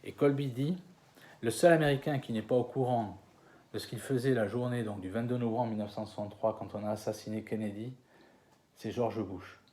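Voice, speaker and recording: A man from France giving a conference lecture, hesitant with many fillers and restarts, slowing down over names. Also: mid-range voice, a little mellow. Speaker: conference speaker. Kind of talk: lecture to an audience. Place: conference hall.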